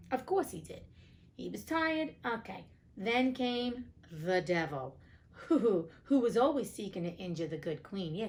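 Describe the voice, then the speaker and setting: A woman with a mid-range, slightly mellow voice hosts a storybook reading of classic tales. She shifts between narration and sassy, outspoken, colloquial asides.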